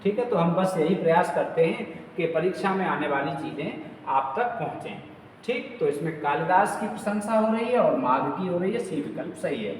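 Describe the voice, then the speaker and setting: A fairly high-pitched male teacher works through exam quiz questions, repeating each key word slowly and checking in often. He sounds distant from the mic. His voice rings with a long room echo over faint background noise. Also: animated. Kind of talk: exam-prep quiz lesson.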